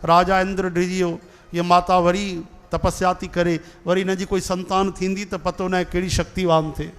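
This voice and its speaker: Sindhi guy telling temple stories, pretty high voice, lots of echo. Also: level tone, normal speed, fairly bright tone, clean tone. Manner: storytelling with call-and-response chants. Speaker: kathavachak, religious storyteller. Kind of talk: devotional sermon with chanting.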